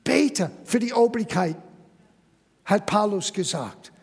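High, lively-voiced male preacher in a hall. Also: slow pace, vocal fry, breathy edge. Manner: emphatic preaching, addresses listeners directly. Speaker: pastor. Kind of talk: sermon.

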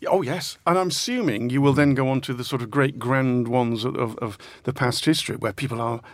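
A man, a guest commentator in lively political chat, animated and jumping into impressions. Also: fairly quick, no room sound. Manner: animated, breaks into impressions with big pitch jumps.

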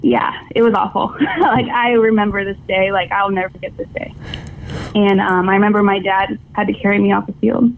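A young woman telling her story as an interview guest over the phone, tearful and halting, with many fillers. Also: mid-range voice, fairly even intonation, creaky. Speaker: guest, former softball player. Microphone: phone call. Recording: tinny phone line with faint noise.

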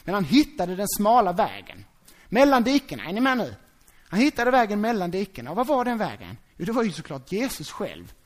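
A preacher delivering a sermon in an easygoing, talkative style. The voice moves through a wide, animated pitch range. They keep breaking off to ask the listeners whether they're keeping up. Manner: conversational, asks the congregation if they follow; animated, acts out quoted voices.

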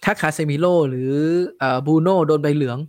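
A man's voice: a little high, fairly quick, no echo, studio quality. A man co-hosting a podcast, chatting casually and matter-of-factly about football. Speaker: podcast co-host.

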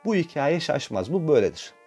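A man's voice: a little high, sing-song, brisk, a little mellow, husky, soft background music. Crude, self-mocking young male podcast host. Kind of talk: comic personal storytelling monologue.

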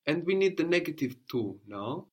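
A man's voice: a little high, big pitch swings, normal speed, husky. A man teaching a one-on-one language lesson, patiently prompting questions and repeating his student's answers.

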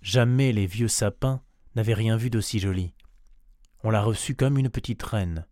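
A man reads a classic tale aloud, measured and expressive, slowing down on key phrases. His voice sits low, and the recording is dry, with no room sound. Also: dry recording. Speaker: narrator.

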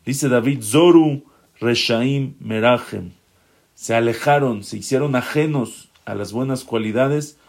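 A man's voice: mid-range voice, a little slow, vocal fry. A man teaching a Torah class, retelling a Bible story and explaining a psalm, with rising emphatic bursts.

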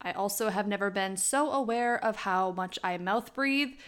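Young adult woman, Wisconsin accent, nasal, some vocal fry, medium pitch, chatty podcast host, self-deprecating asides. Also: normal speed, a bit bright. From Wisconsin, United States. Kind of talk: chatty scripted podcast monologue.

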